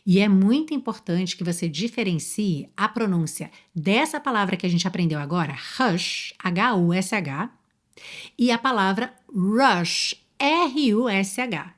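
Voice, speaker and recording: A Brazilian woman teaching English in a patient, clear voice, pitched at an ordinary middle height. She slows right down to spell words out and often turns to the listener with a question. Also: animated. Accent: Brazilian Portuguese. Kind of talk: online English lesson.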